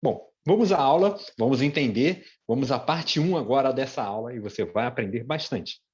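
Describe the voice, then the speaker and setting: A man with a Brazilian Portuguese accent teaching English pronunciation in an online lesson, repeating example words slowly with chatty asides. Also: medium pitch, lively intonation, darkish tone, muffled recording. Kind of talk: online lesson with shared screen.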